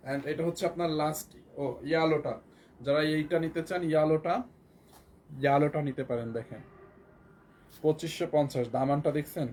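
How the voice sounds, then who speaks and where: Hoarse man, Bangladeshi Bengali accent, live shopping pitch, pitched a bit high, repeats prices over and over. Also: steady tone, a little fast, long pauses, darkish tone, slight background noise. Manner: repetitive, keeps repeating prices and urging viewers to buy. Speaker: live-stream clothing seller.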